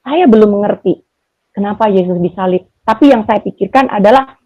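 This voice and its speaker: Woman, middle-aged, from Indonesia, personal testimony; mellow, slightly high voice, hesitant with restarts, climbing in pitch at emotional moments; dull lo-fi recording. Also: a little fast, dry recording. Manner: hesitant, many fillers and restarts; rises high and emotional when recalling feelings. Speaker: testimony speaker.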